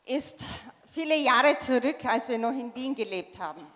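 A woman from Tyrol with an Austrian German accent, telling a church testimony in short phrases and pausing for an interpreter. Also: sits high, lively intonation, fairly bright tone. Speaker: church member giving testimony. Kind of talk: sharing a personal story in short phrases for an interpreter. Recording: echoey hall with long reverb.

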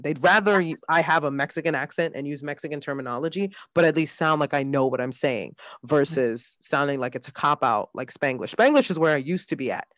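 A woman co-hosts a casual podcast chat, agreeable and sometimes hunting for the right word. Her voice is low but fairly bright, and the recording is dry.

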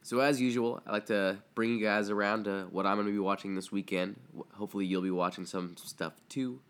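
A young man hosts his own podcast in a relaxed, rambling way, dropping ums and uhs as he goes. His voice sits a little low and sounds stuffy from a cold. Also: a little fast. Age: young adult. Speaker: podcast host. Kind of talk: casual solo podcast chat.

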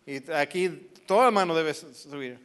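A man's voice: a little high, measured pace, a bit bright, clear, resonant tone. A man preaching a sermon as pastor, asking the congregation rhetorical questions, acting out quoted voices and mixing in English phrases.

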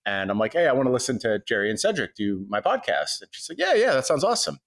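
A man chatting as a podcast co-host, recorded on an old microphone in a large high-ceilinged wooden kitchen that makes him sound echoey. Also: wildly swooping pitch, fast, a bit bright. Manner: chatty, playful complaining. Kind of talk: casual podcast chat.

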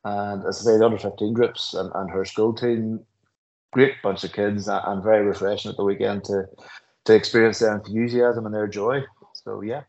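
A man's voice: fairly low pitch, flat delivery, normal speed, a little mellow, muffled recording. A middle-aged Northern Irish man, a school principal, speaking earnestly and telling anecdotes in an interview, often restarting his phrases. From Northern Ireland. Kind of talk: reflective interview conversation.

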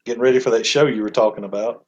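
A man's voice: mid-range voice, steady tone, very fast, highs cut off. Laid-back man, a podcast guest. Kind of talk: casual podcast chat.

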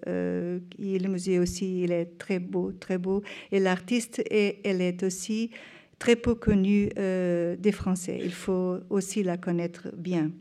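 A woman's voice: mid-range voice, mellow. A woman gives an informal introduction in French, hesitantly searching for her words. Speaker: presenter introducing a speaker.

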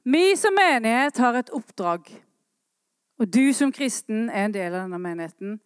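A woman preaching a sermon, swinging between quiet earnest talk and impassioned rising calls. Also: a little high, expressive, clean tone, no room sound, studio quality.

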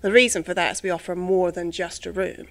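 A middle-aged woman talks as a guest on a podcast, explaining at length. She often pauses on fillers. She was born in England and grew up in the United States. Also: fairly low pitch, steady tone. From born in England, raised in the United States. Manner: chatty, explains with hesitant fillers. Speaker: company employee, guest. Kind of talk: casual podcast interview.

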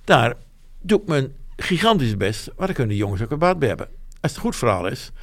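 A man's voice: medium pitch, sing-song, a little fast, no echo. A man, talking frankly and at length about his business life, rambling and self-deprecating. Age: 70s. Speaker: interviewee, business owner. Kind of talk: reflective interview talk.

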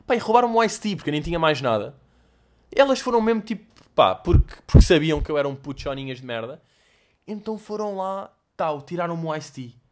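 A man's voice: a little high, a little fast. Young Portuguese man, rambling comic vlog. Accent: European Portuguese. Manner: swears a lot, animated storytelling with mock voices and sound effects. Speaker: host answering viewer questions. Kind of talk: casual comedic monologue.

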